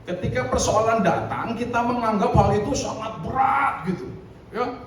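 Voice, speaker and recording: A man preaching a sermon in a lively, conversational way with frequent asides to the congregation. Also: extremely high pitch, moderate pace. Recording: echoey room, distant mic, faint noise.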